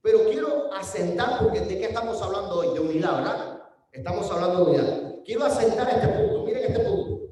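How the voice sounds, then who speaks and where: A pastor with a Mexican Spanish accent preaches a sermon in a church sanctuary, chatty and often putting questions to the congregation. His voice is high-pitched, very animated, slightly fast and dark in tone. The recording is very echoey and captured from far away.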